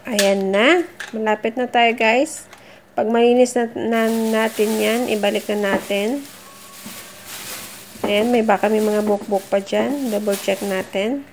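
A chatty middle-aged woman with a gravelly edge to her voice, cheering her viewers on as she fixes a sink. She talks into a phone camera in a home kitchen, with faint noise in the background. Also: a little high, fairly even intonation, unhurried. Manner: chatty, encouraging, addresses viewers as guys. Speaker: vlogger. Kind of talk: casual how-to vlog.

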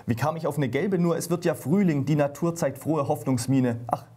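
A man's voice: on the high side, moderate pace, warm tone, voice pushed up, lightly acted. A man putting on a fussy, fretful young wife. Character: fussy indecisive young wife buying a blouse. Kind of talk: comic poem recital.

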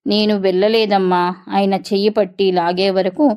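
A woman's voice: medium pitch, little pitch movement, normal speed, smooth, natural voice. A woman doing a meek, timid young wife. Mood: pleading. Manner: soft, pleading.

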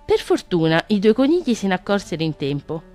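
A woman reads a children's story aloud in a gentle, expressive voice, her pitch rising and falling with lively storytelling. Soft music plays faintly beneath her. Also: fairly quick. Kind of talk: storybook reading.

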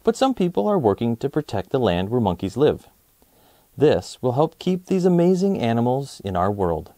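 A man serves as host, reading a nonfiction children's book in a vivid, well-enunciated storytelling way suited to young listeners. Medium pitch, normal speed, no room sound, and clean studio audio.

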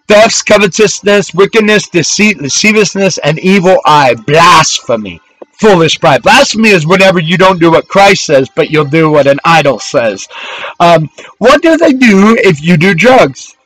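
A man's voice: sits high, a bit bright, rough recording. A man preaching a fiery, repetitive sermon, reading scripture and hammering his points at the listeners. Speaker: street preacher.

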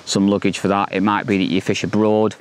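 A man's voice: lowish voice, little pitch movement, brisk. A man in his thirties hosting a fishing channel, reviewing a product to camera outdoors by a lake, upbeat and enthusiastic with frequent fillers and restarts, on a lapel mic. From England.

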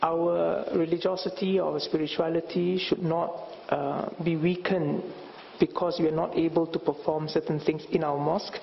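A man speaking as a religious leader at a press conference into a stand microphone, measured and earnest. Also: on the high side, little pitch movement, vocal fry, highs cut off, a little hiss or hum. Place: indoor press conference room.

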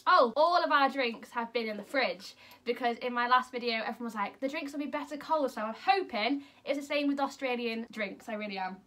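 A young woman with a British English accent chats away to her camera at home. Her voice sits a little high, and her delivery stays upbeat and friendly throughout. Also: fairly quick, a bit bright, a little hiss or hum. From United Kingdom. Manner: cheerful, upbeat, chatty. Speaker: YouTube vlogger host. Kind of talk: casual chatty vlog. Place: at home, indoors.

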